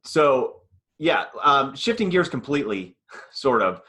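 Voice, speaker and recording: A man's voice: medium pitch, very animated, measured pace, sharp tone. A man hosting a podcast who steers the talk to a new topic with many fillers. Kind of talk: casual conversation.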